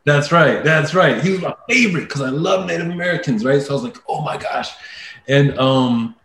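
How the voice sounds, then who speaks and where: A man, a voice-over artist and actor, telling stories as a guest in a casual interview, lively and laughing often, full of fillers and restarts. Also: a little high, fairly quick, roomy sound, a little hiss or hum.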